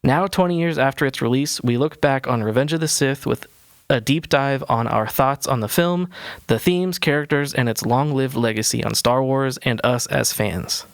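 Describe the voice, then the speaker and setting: A man's voice: mid-range voice, normal speed, no room sound. A man in his thirties hosting a casual podcast, reading a written intro aloud and tripping over long words. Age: 30s. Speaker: podcast host.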